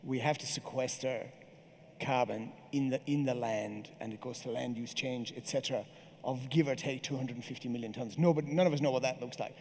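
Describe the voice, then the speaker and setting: A man's voice: mid-range voice, fairly even intonation, fairly quick, darkish tone. Irish man speaking on a panel. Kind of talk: panel discussion. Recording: reverberant hall with faint noise.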